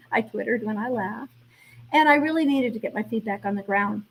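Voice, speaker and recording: Being interviewed, a middle-aged woman muses on her thoughts with soft laughs in between. She talks at a moderate pace in a high-leaning voice with a breathy edge, and the recording is rough.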